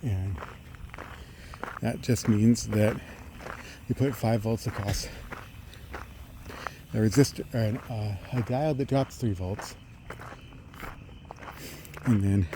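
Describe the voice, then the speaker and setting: A middle-aged man thinks aloud in a halting technical monologue while walking outdoors along a road. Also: lowish voice. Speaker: vlogger. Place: outdoors on a residential roadside. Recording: outdoor street noise, passing vehicles.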